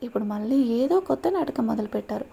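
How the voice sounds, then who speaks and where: A woman's voice: on the high side, lively intonation, fast talker, gravelly, a little hiss or hum. A woman voicing a young man in love who pleads and protests angrily to the police. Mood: upset, pleading. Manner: pleading, then shouting in protest. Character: young man in love, Surya, desperate and defiant.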